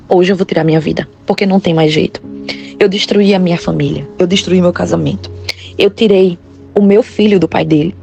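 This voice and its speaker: Earnest low-voiced woman narrating. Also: gravelly, warm tone. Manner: earnest, confessional, grave. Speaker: testimony narrator. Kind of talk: first-person testimony narration.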